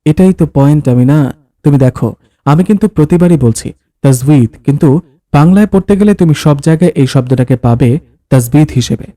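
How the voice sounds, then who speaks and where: A man tells a scripted story, his voice very dark and soft-edged yet pitched a little high for a man. He explains step by step, patient and teacherly. The sound is close and bone-dry, with no room around it. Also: fast, no room sound. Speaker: storyteller voicing a husband. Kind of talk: scripted story narration of dialogue.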